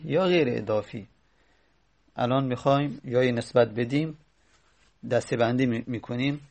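A male teacher working through a grammar lesson in a plain, mid-pitched voice. He explains patiently and repeats key points. He pauses with fillers as he goes and slows right down on each example.

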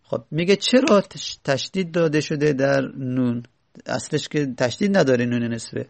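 A man teaching a grammar lesson, methodical and patient, repeating example words slowly to drill them. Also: medium pitch, vocal fry. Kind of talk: Arabic grammar lesson explanation.

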